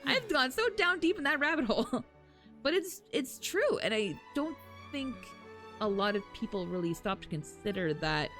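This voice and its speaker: A woman with a high-sitting voice talks at normal speed while livestreaming games. She chats casually and animatedly with her viewers, swearing now and then and chuckling as she goes. Faint game music and character voice lines play behind her.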